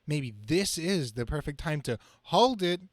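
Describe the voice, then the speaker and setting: A man's voice: on the high side, lively intonation, measured pace, no echo. A man voicing a wisecracking young superhero and student, narrating his own action dramatically in a comic book reading. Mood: musing. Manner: quippy, dramatic self-narration.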